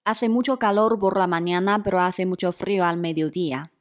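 A woman giving short, measured prompt phrases and calm scripted explanations in a language lesson. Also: fairly low pitch. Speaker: teacher giving translations.

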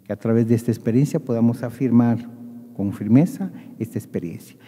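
Male priest, mellow tone, calm and solemn, long cathedral echo. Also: medium pitch, brisk, slight background noise. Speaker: priest leading Mass. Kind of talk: liturgical leading and prayer. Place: large church. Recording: long church reverb.

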